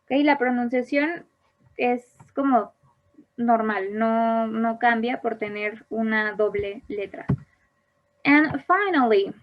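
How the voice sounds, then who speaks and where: This bilingual online grammar lesson features a woman speaking slowly in a fairly high voice. Every English rule she covers gets a second explanation in Spanish, captured through a computer mic with dull, lo-fi audio.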